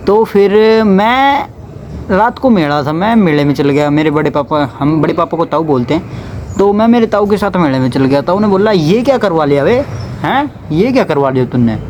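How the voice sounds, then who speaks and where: A man's voice: high-pitched, darkish tone, a little hiss or hum. A young man telling a casual storytime about his school days, chatty and slipping into dialect. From Haryana, India. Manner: chatty, slips into dialect when quoting others.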